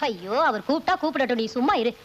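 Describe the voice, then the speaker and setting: A woman's voice: on the high side, animated, quick pace. An actress dubbing a film role as a poor, tender mother who pleads and protects her son. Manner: pleading and emotional. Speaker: poor mother raising a boy. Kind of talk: dubbed film drama. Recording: dull film audio under music.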